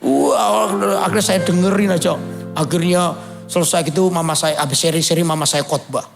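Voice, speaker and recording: A pastor, preaching with animated storytelling and loud, high bursts of emphasis. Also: male voice, brisk, vocal fry, music in the background. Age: 50s. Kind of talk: sermon. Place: large church hall.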